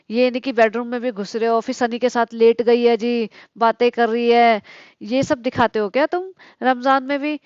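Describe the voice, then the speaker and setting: Woman commentary vlogger, mocking and scolding, high voice, slightly muffled recording. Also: clear, resonant tone, no echo. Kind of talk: critical commentary on other vloggers.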